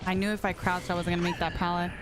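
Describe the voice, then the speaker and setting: Rapid-fire and lowish, with little pitch movement, this late-20s streamer talks casually with her audience while gaming, answering chat and laughing freely. The recording is very noisy, and music plays under her voice.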